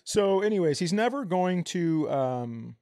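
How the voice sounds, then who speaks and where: This comedy podcast co-host has a high-pitched, warm voice with big pitch swings and a slightly slow delivery. His stories come out casual and blunt, full of profanity, with the quoted back-and-forths acted out.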